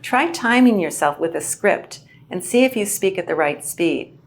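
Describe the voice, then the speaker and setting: A woman instructor giving a clear, measured lesson on how to present well. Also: fairly low pitch, expressive. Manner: clear, measured teaching delivery. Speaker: English language instructor. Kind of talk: instructional video narration.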